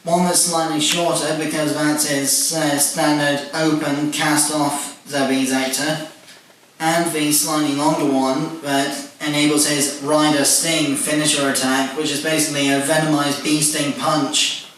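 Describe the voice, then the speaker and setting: In a level, fairly high and slightly bright voice with little pitch movement, a man works methodically and a little slowly through a casual toy review. He covers each feature in turn, tacking on "and whatnot." He sits far from the mic in a very echoey room with faint noise underneath.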